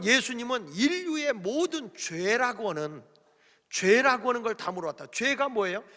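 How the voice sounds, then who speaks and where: A man's voice: high voice, gravelly, bright, forceful tone, long reverb tail. A man preaching a folksy, humorous revival sermon in a church sanctuary, calling on the congregation to repeat after him.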